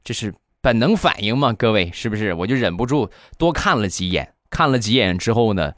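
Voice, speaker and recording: A man's voice: lowish voice, animated, brisk, a bit bright, no room sound, studio quality. A man hosting a comedy show, telling comic anecdotes in a chatty storytelling manner.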